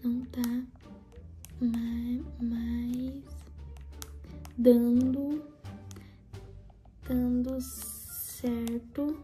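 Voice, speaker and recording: A woman's voice: a little high, little pitch movement, extremely slow, pauses often, mellow, soft background music. A young woman with a Brazilian accent pranking a friend in a casual vlog, nervous and often dropping into a whisper. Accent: Brazilian Portuguese. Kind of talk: casual prank vlog, reading and typing messages aloud.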